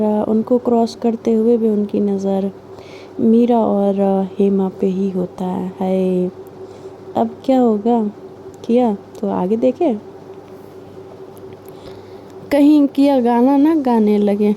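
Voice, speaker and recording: Casting: unhurried woman narrator, very dark mellow tone, chatty recap with voiced dialogue, faint hiss behind. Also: mid-range voice. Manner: chatty, retells scenes with quoted dialogue, sings snatches of film songs. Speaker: storyteller recapping a serial love story. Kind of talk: casual spoken storytelling.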